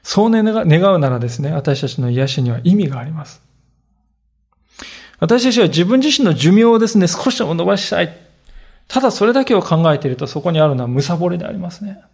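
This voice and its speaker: A pastor delivers a sermon in a somewhat high voice roughened by gravelly fry. He speaks briskly, telling stories in an earnest, animated way.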